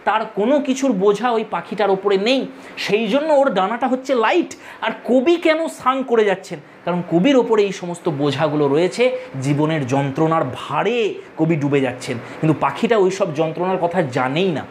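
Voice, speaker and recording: An English literature teacher with a medium-pitched voice takes her students through a poem line by line, speaking to them directly and repeating key terms. A little hiss or hum sits in the recording.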